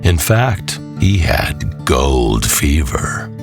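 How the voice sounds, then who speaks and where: With a sing-song lilt, a very low-voiced storyteller works through a scripted story at a leisurely pace. Clear background music accompanies him as he draws out every phrase for dramatic effect.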